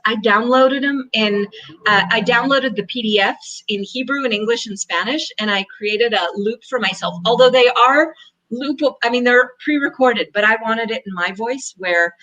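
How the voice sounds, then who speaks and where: A woman's voice: a little high, fairly bright tone, muffled recording. A woman co-hosting a casual livestream chat, talking freely and restarting sentences as she multitasks. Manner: chatty, restarts often while multitasking. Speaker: co-host.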